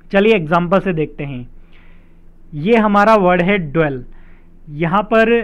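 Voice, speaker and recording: An English teacher, male, with a high and smooth voice, breaks down spelling step by step in his lesson. Rules come slowly and are repeated with examples, all in a dull lo-fi recording.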